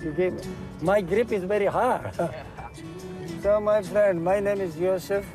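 Older man with a high voice. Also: a little slow, over music. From Afghanistan. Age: 70s. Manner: philosophical, speaks in proverbs and images. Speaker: interviewee. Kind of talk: casual interview. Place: inside a car.

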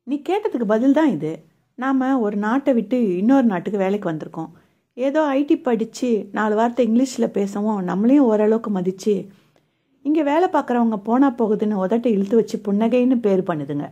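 A woman's voice: a little high, animated, a little fast, warm tone, muffled recording. A woman voicing a young male coworker in an audio novel who lectures at length, reasoning his point. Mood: lecturing. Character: young man, preachy coworker giving advice.

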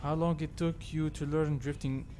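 Chatty non-native streamer with halting English. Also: male voice, a little high, little pitch movement. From Tunisia. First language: not English. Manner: halting, filler-heavy, reads chat aloud and thanks subscribers. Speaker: livestream host. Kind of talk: casual livestream chat while sim racing. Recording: loud game music behind voice.

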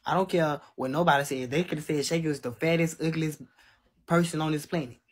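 Husky young man on a phone live stream. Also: fairly high pitch, fairly even intonation, a little fast. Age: 20s. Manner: candid, defensive, reads and answers chat. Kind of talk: casual live-stream talk to viewers. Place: small room indoors. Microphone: phone held at arm's length.

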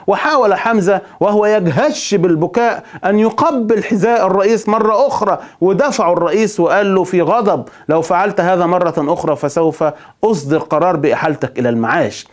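A man with an Egyptian accent narrating a history documentary. He throws in indignant rhetorical asides to the listener. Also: high-pitched.

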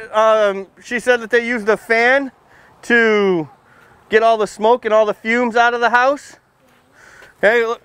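This American man is a firefighter doing an informal demonstration for young kids outdoors, beside a fire truck and under a tent. He projects in a folksy style with easy questions, his high voice a bit bright and clean, and the recording is dry.

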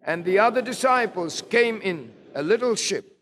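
A man reading scripture aloud at a pulpit microphone, slowly and reverently. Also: sits high, lively intonation, a bit bright, slight background noise. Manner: slow, deliberate, reverent reading. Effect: speaking at a pulpit microphone. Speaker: scripture reader.

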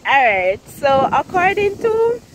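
A young woman with a Jamaican accent vlogs casually outdoors on a grassy rural farm, playfully teasing her friends and laughing a lot. Her high-pitched voice swings widely in pitch and moves slowly, with background noise present.

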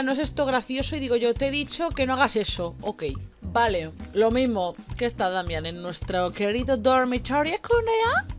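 A young woman talks through a horror game in a fairly high voice. She jokes, swears freely and yelps when startled. Faint game music plays underneath. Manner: swearing, jokey, exclaims loudly in fright. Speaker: gaming streamer. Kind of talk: casual horror game commentary.

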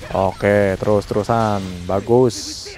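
Excitable man commenting on gameplay. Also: fairly low pitch, slow, faint music behind. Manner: excitable, frequent panicked exclamations. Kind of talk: live let's-play commentary.

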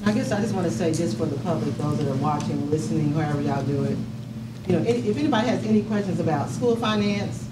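A woman's voice: deep voice, lively intonation, quick pace, reverberant, far from the mic, heavy background noise. A woman board member making chatty, folksy remarks to the public. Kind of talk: casual remarks at a board meeting.

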